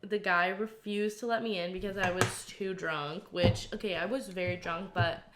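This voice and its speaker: A woman co-hosting a casual comedy podcast, telling stories in an animated way. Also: lowish voice, moderate pace, heavy background noise. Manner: animated storyteller. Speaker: podcast co-host.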